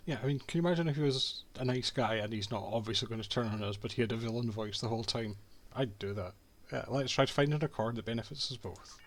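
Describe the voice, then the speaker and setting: A man's voice: medium pitch, fast talker, hardly any pauses. A man giving casual commentary over a video game, full of dry, sarcastic asides. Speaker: game streamer.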